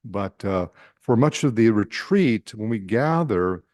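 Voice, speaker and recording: Speaking with a Nebraskan accent, a priest leads a casual retreat session, halting often, restarting, and quizzing the group. He has a lowish, expressive, slightly mellow male voice, recorded with no echo.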